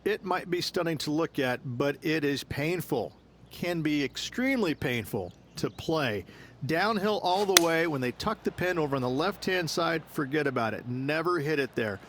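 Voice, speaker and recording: A man's voice: fairly high pitch, background noise. A man giving analytical golf commentary, explaining how the course should be played.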